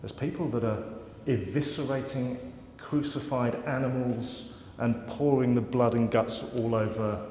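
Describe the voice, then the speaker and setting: Man, mid pitch, wry self-mocking lecturer, echoey hall. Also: steady tone, measured pace, few pauses, darkish tone. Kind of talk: live lecture to an audience. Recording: roomy hall reverb, faint ambience.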